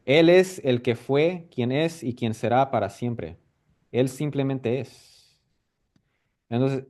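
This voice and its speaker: A man at a middle pitch teaches a casual Bible lesson. He explains carefully, repeats key points, and checks in often with quick questions. His delivery is halting, with frequent restarts. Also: darkish tone.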